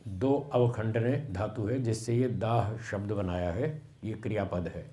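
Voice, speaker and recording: A man giving a sermon on scripture, slow and explanatory, repeating phrases for emphasis. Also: fairly low pitch, mellow. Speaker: swami giving a Vedic discourse.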